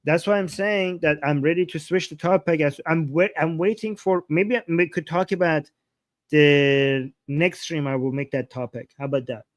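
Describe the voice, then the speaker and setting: Higher-pitched Iranian-accented man, argumentative livestream host. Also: fairly even intonation, normal speed, no echo, clean studio sound. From Iran. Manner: argumentative, insistent, repeats points with rhetorical questions. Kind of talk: live political reaction commentary.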